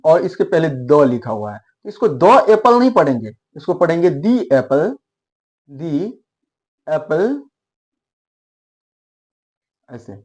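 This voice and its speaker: A man with a Hindi accent teaching English pronunciation, repeating words slowly for his students. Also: a little high, a little mellow. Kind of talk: explaining lesson.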